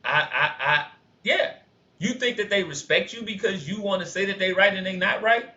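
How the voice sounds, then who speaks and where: A podcast co-host who describes his own voice as high and his laugh as dumb chats casually while reacting, at a moderate pace. He's animated, laughs a lot, and gets loud when he's driving a point home. The recording sounds roomy, dull and lo-fi.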